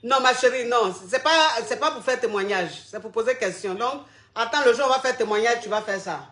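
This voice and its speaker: A woman's voice: a little high, fairly quick, a bit bright. A woman hosting a live call-in advice show, direct and affectionate. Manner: direct, affectionate, calls listeners darling.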